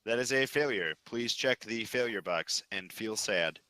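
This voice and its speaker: A man's voice: lowish voice, lively intonation, measured pace, sharp tone, no echo. A man running a tabletop game as dungeon master, giving dry rulings and often laughing.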